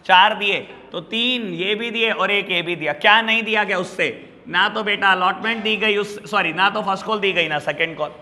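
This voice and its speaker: A man's voice: sits high, normal speed, bright, forceful tone, big-room sound. A man teaching an accounts class, explaining step by step, mixing English terms into his talk and teasing students about the easy question. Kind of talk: classroom lecture.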